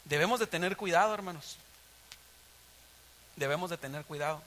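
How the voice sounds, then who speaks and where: A man with a Mexican Spanish accent preaching a sermon as pastor, animated and full of rhetorical questions. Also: fairly high pitch, normal speed, big-room sound.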